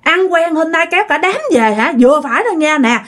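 An enraged old grandmother with a Southern Vietnamese accent shouts threats at unwanted ghosts, as a woman storyteller puts her on. Her high voice leaps up and down as she scolds. The tone is poor, fed up and fierce. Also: animated, brisk. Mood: furious scolding.

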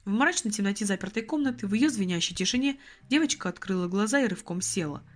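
A woman narrating a story as an audiobook, with expressive storytelling. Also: medium pitch, quick pace.

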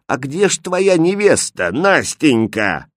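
A man's voice: on the high side, sing-song, slow pace, no echo, pitched above the performer's own voice. A wise old village man, folksy and knowing, with a dry, wry turn to his speech, as a man reads him. Close, dry recording. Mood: reproachful.

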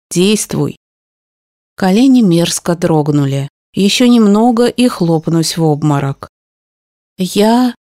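A woman reading a first-person story aloud in a steady, even narration style. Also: mid-range voice, no echo, clean studio sound. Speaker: audiobook narrator.

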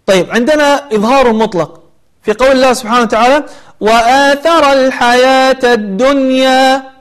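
A man teaching a tajweed lesson, explaining recitation rules and then chanting verses slowly with long drawn-out vowels. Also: high voice.

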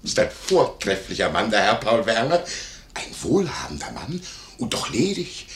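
An actor playing a fawning, gossipy innkeeper in a 1950s German radio play, talking in an eager, wheedling way. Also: male voice, lowish voice, wildly swooping pitch, normal speed, fairly bright tone, full character voice. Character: fawning, nosy male innkeeper, middle-aged. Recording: roomy, faintly noisy 1951 radio recording.

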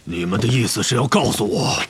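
A man voicing a huge, gruff, hot-tempered half-giant groundskeeper in an audiobook, with a rough voice and booming outbursts. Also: big pitch swings, moderate pace, exaggerated voice. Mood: furious. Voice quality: gravelly, rough. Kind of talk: audiobook character reading.

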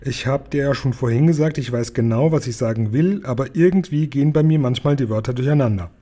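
A man reading a children's book aloud and voicing a huge, very old, kindhearted male giant who jumbles his words, louder than his narration. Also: quick pace, lightly acted. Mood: gruff. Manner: loud and booming, jumbled made-up words.

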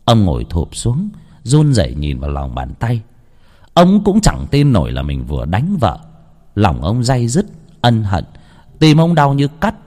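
A man's voice: fairly low pitch, wildly swooping pitch, a little slow, a little mellow. A man telling a ghost story in a dramatic, theatrical reading style. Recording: long hall reverb.

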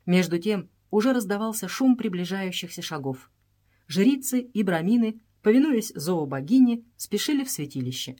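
A woman narrating an adventure story as an audiobook in a steady storytelling voice. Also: medium pitch, normal speed.

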